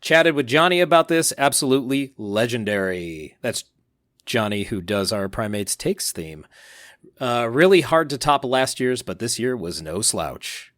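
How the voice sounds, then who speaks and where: A man co-hosting a casual podcast, reading listener messages aloud in an upbeat, animated way. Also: mid-range voice, a little slow, no echo, studio quality. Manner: upbeat, reads quotes aloud with animated emphasis.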